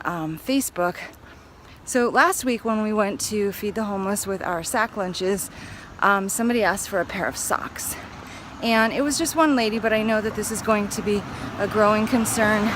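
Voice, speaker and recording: A woman's voice: mid-range voice, fairly bright tone. Woman vlogger walking outdoors, casual upbeat chatter, a bit winded, light traffic noise. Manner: chatty, upbeat, rambling with fillers. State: slightly out of breath. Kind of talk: casual vlog chat. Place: outdoors on a walk.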